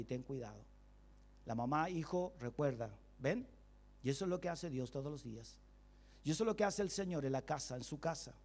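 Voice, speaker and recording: A man's voice: medium pitch, darkish tone. A male pastor preaching a Sunday sermon, asking the congregation questions and acting out everyday excuses in quoted voices. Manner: preaching with rhetorical questions and call-and-response.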